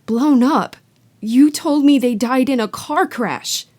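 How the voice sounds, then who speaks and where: A woman's voice: mid-range voice, steady tone, measured pace, warm tone, lightly acted. A woman voicing an eleven-year-old boy who asks startled, eager questions.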